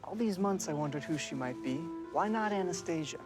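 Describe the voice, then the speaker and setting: A man's voice: high-pitched, expressive, brisk, music in the background. An actor playing an earnest former cavalryman turned performer, in a period TV drama.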